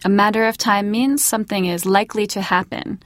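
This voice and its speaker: A woman explaining English phrases and reading example sentences clearly and carefully. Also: medium pitch, steady tone, unhurried, a bit bright, no room sound.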